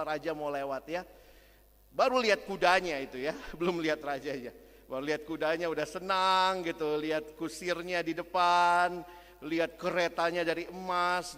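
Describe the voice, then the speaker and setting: Animated preacher in a reverberant hall. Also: male voice, on the high side. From Makassar, Indonesia. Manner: animated storytelling, swinging between loud and hushed. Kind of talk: sermon with story.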